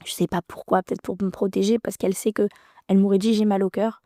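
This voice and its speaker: Woman, thirties, warm tone, emotional personal storytelling, halting, many restarts. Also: mid-range voice, little pitch movement, no room sound, studio quality. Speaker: podcast guest.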